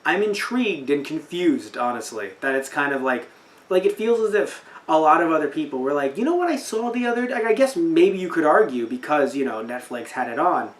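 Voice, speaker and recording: With a fairly high, sing-song voice and a fairly quick delivery, a young podcast host chats loosely about anime. He sounds incredulous, rambles, and keeps repeating himself. Heavy room echo and distance from the mic color the audio.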